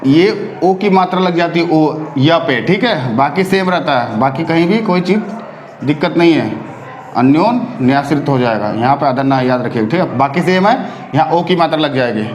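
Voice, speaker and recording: A man with a high-set voice teaches a spelling lesson for exam candidates. He repeats each word several times and keeps checking that his students follow along. The sound carries a noticeable room echo. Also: animated, moderate pace. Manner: drills correct forms, repeating words with frequent check-ins.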